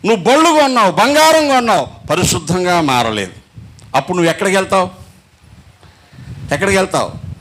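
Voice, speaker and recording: A male pastor preaching a sermon, emphatic, with repeated rhetorical questions and drawn-out phrases. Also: high-pitched, a bit bright.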